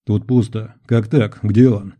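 A cold male agent from an audiobook thriller, flat and contemptuous, giving curt orders, as a narrator plays him. The voice is very dark and low in tone. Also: a little slow, lo-fi sound. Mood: cold contempt.

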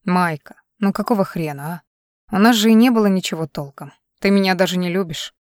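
A woman's voice: on the low side, a little fast, dry recording, clean studio sound, close to an everyday voice. A woman reading an audiobook, voicing a tired, level-headed young male musician who speaks curtly and patiently. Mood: firm, weary.

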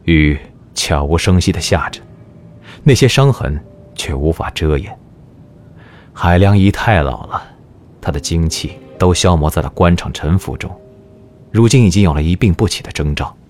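Low-voiced male narrator over soft music. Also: lively intonation, normal speed. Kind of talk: scripted dramatic narration of a historical audio drama.

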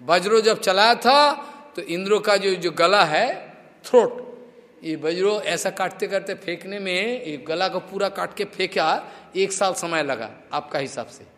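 A man's voice: high-pitched, a little slow, a bit bright, long reverb tail. A man giving a devotional scripture discourse, telling stories in a chatty way with laughs. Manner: chatty storytelling with laughs and acted quotes. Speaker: preacher.

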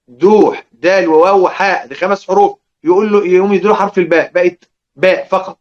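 A man's voice: high-pitched, dull audio. A man with an Egyptian accent teaching a religious lesson, asking his students questions and answering them himself. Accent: Egyptian Arabic. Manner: lively, asks and answers his own questions. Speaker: Quran recitation teacher.

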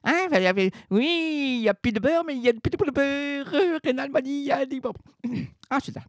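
A man's voice: very high voice, a little fast, no echo, clean studio sound. A man hosting a radio show, rambling playfully through a comic retelling full of wordplay and stammered restarts. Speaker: radio host. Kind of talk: absurd comic storytelling on radio.

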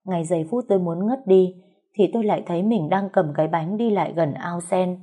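Husky-voiced woman narrating a horror story. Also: lowish voice, mellow.

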